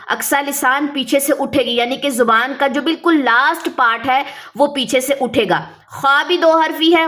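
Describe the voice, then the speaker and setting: Bright, high-voiced woman teaching a lesson. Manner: explains patiently, then sounds letters out slowly and drawn out. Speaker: Quran reading teacher. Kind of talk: step-by-step lesson.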